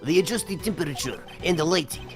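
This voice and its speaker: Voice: medium pitch, lively intonation, quick pace, faint music behind, natural voice. A performer voicing a bumbling, cheerful male detective sidekick in an improvised comedic fan dub, goofy and eager.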